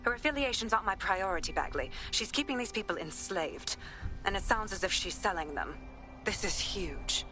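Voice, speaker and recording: A resolute female investigator from a video game, voiced by an actress. She sounds stern at a middling pitch, with clear music underneath. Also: lively intonation, moderate pace, lightly acted. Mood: urgent resolve.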